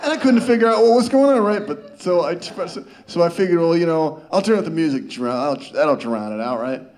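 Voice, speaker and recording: Male stand-up comic, high voice, rambling, stammering delivery. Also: lively intonation, fairly quick, a little mellow. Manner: rambling storytelling, stammers and restarts, chuckles. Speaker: stand-up comedian. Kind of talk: stand-up comedy.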